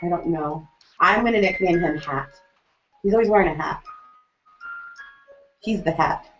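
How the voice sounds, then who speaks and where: A woman co-hosting a casual TV recap chat, animated, jokey and opinionated. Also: lowish voice, moderate pace, soft background music. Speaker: co-host. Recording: roomy, dull lo-fi recording.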